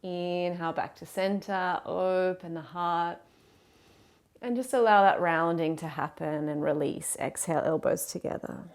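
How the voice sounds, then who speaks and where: A woman yoga teacher leading a guided class, cueing breath and movement in a gentle, encouraging, unhurried way. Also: lowish voice.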